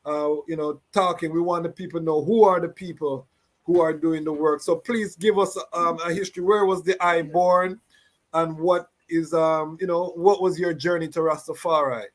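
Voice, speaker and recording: A man's voice: a little high, fairly even intonation, moderate pace. Hesitant male livestream host. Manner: hesitant, many "uh" and "um". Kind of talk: livestream interview.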